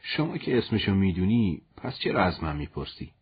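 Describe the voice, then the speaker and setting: Brief: man doing an earnest young soldier, touchy and loyal, low husky voice in a storybook. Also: sing-song, dull audio, full character voice. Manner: indignant, protective of his commander.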